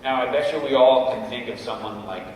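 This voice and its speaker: A man's voice: medium pitch, fairly quick. Man telling stories in an echoey hall. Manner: storytelling, often checks in with "right?". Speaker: guest speaker at a parents' session. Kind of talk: conversational talk to parents. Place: school auditorium. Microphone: distant room mic. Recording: echoey hall from far off, noisy.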